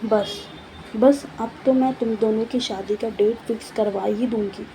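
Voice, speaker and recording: A woman's voice: on the high side, steady tone, measured pace, warm tone, a little hiss or hum, rough recording. A woman voicing a cheeky young woman who teases her roommate in a playful, mock-dramatic way. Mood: teasing.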